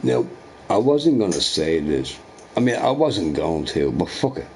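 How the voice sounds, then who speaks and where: A man, a live streamer ranting at a viewer in a mocking, repetitive and profane way, sometimes sinking to a low mutter. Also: sing-song, a little slow, over music. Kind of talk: angry rant at a chat viewer.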